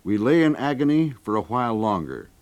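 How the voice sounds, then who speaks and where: Expressive male documentary narrator. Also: mid-range voice, fairly quick. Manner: expressive reading, rising for vivid moments. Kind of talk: dramatic scripted narration of a historical account.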